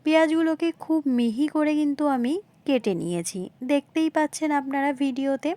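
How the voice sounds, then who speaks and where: A home cooking video host, a woman with a high voice, narrates a recipe as an instructional voice-over, speaking directly to her viewers and politely explaining each step, often repeating herself. She talks fairly quickly with a dark tone, and the recording is close and dry with no echo.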